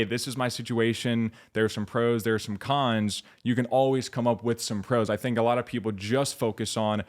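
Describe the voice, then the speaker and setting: An American man speaking as a coach and podcast guest, giving earnest, conversational motivational talk and acting out little quotes. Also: mid-range voice. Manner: earnest, illustrates points with imagined quotes.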